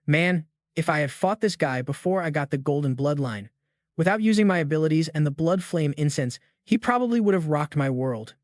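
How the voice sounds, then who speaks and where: An ice-cold young fighter who speaks with calm contempt, read by a man. The tone is a touch high and the recording dry and close. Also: fairly quick, no echo, close to an everyday voice.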